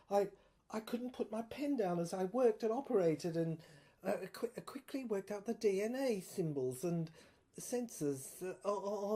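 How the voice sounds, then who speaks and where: Lowish and dark, the voice belongs to a woman portraying a haunted, obsessive inventor whom soldiers have locked away. She speaks in a faltering, theatrical, meandering monologue that repeats words, her mood wistful and rambling.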